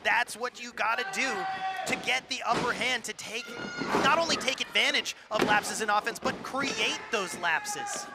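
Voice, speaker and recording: A man giving emphatic, projected color commentary at a live wrestling show, repeating phrases for effect amid loud crowd noise. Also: very high voice, moderate pace.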